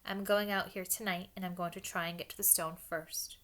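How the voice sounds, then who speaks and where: A woman's voice: fairly low pitch, fairly even intonation, a little fast, fairly bright tone, lightly acted. A woman reading a storybook aloud and voicing a determined schoolboy wizard who speaks urgently and insistently.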